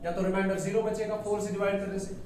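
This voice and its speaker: A male teacher with a fairly high voice lectures a class, walking through each step and pausing to quiz his students. He slips English phrases in among his sentences. The sound is echoey and distant, as if taken from the back of a classroom, with faint noise behind. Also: level tone, darkish tone. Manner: explains step by step, asks the class questions and has them answer. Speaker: maths teacher.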